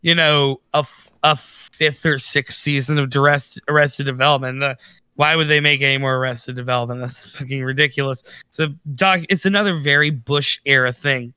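A man co-hosting a podcast in casual chat, animated and rambling with restarts. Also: mid-range voice, moderate pace, smooth, no echo. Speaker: podcast co-host.

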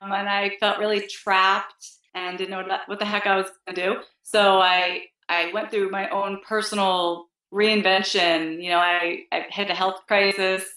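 A bright, sharp-toned woman in her thirties chats casually as a guest and laughs easily. Her voice comes through low-quality video-call audio with a roomy echo around it. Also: little pitch movement, moderate pace, few pauses. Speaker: guest health coach. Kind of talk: casual interview chat.

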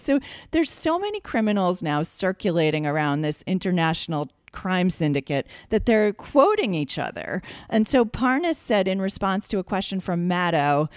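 A woman co-hosts a podcast in a medium-pitched voice, recorded with clean studio sound and no echo. She talks casually about political news, sounding emphatic, incredulous, and colloquial.

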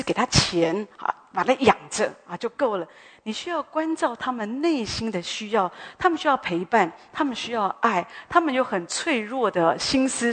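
A woman preaching a sermon at a morning prayer meeting, speaking gently and conversationally with soft tag sounds at the ends of her phrases. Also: a little high, husky. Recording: long echo as in a hall.

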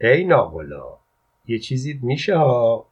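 A man's voice: mid-range voice, very animated, slightly rough. A man reading an audiobook, voicing a teasing, coaxing woman in his own plain voice, on a dull lo-fi recording. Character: teasing, flirtatious woman at a fence.

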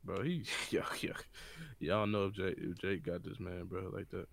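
A young man in casual, slangy chat, swearing and repeating words in excited bursts. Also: low-pitched, normal speed, vocal fry. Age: young adult.

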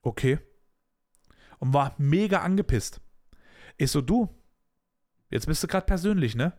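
Male podcast host, somewhat high voice, casual blunt storyteller. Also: unhurried. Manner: blunt, animated retelling of a workplace dispute with colloquial asides.

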